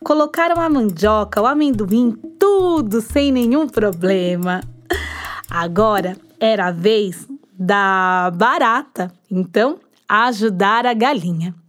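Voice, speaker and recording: A woman telling a children's story, lively and speaking directly to her listeners. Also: mid-range voice, slow, faint music behind.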